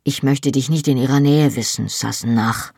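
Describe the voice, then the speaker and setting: A woman reading an audiobook, voicing a tender young Highland warrior who speaks low and hushed. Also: unhurried, vocal fry, husky, no room sound, clean studio sound, heavily acted. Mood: earnest.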